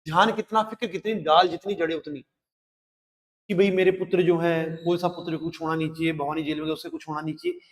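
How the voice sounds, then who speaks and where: A high-pitched man explains a poem line by line in a live lesson. He quizzes his listeners with questions he answers himself. His voice carries a long echo. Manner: recites verse lines then explains them with rhetorical questions. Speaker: Hindi teacher.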